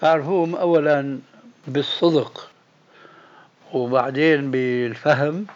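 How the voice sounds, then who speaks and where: A man's voice: fairly high pitch, fairly even intonation, a little slow. A man, a sheikh questioning his student closely in a lesson, on a dull lo-fi tape. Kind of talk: recorded lesson discussion. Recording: dull lo-fi tape with faint hiss.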